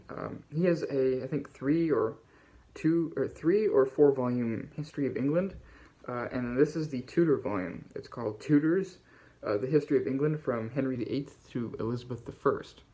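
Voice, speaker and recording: A Canadian man hosts a relaxed book channel, chatting through his finds. His voice sits at an ordinary middle pitch, and his delivery is halting and rambling, full of small restarts. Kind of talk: casual book-haul vlog.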